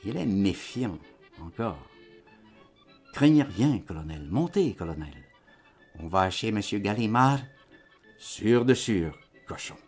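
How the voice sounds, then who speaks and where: Lively, gravelly man reading a story aloud. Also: on the low side, takes it slowly, pauses often, faint music behind. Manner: lively theatrical delivery. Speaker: audiobook reader. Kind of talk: dramatized literary reading.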